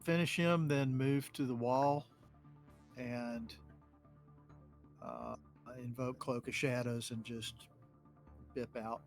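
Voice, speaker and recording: Slow, hesitant man playing in a tabletop game. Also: mid-range voice, level tone, a little mellow, soft background music. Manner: hesitant, slow, many pauses. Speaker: player. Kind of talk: casual tabletop play.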